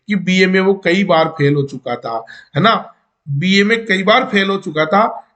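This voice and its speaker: A man gives a college literature lecture. He reads English passages aloud slowly, then explains them in casual Hindi. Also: a little high.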